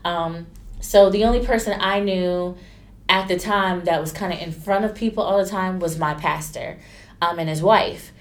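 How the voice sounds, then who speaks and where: A woman, a stylist chatting candidly in an interview and acting out quotes with lively turns. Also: lowish voice, normal speed. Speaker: stylist and entrepreneur. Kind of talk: casual interview storytelling.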